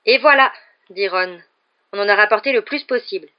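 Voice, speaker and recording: Audiobook: reader voices an eager teen boy, chatty and higher-pitched, muffled sound. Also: fairly quick, natural voice. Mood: excited.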